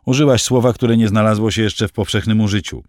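A man voicing a calm male teacher who speaks for the dead, measured and gently reproving. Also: fairly low pitch, no room sound, studio quality, pitched above the performer's own voice, close to an everyday voice.

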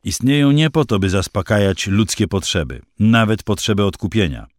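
A man's voice: on the low side, animated, moderate pace, no room sound, clean studio sound, lightly acted. A man voicing a precise, scornful young female student who lectures exactly.

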